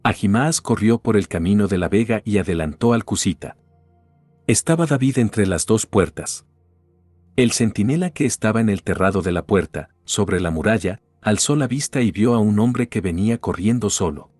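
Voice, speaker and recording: A man reading scripture aloud in a steady, measured way. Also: on the low side, dry recording, faint music behind. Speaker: Bible reader.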